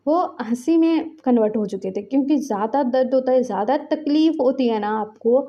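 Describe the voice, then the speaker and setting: A woman's voice: sits high, a little fast, warm tone, highs cut off. A woman casually retelling a fan fiction story in a chatty, conversational way.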